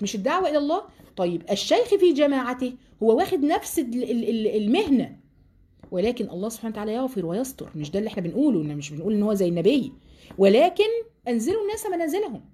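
A woman with an Egyptian Arabic accent gives a religious lesson to a group of women. She reads passages aloud and then explains them in a lively way. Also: fairly high pitch. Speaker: Quran teacher.

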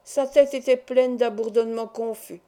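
Woman with a mellow, high-set reading voice. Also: steady tone, moderate pace. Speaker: audiobook reader. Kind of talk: storybook narration.

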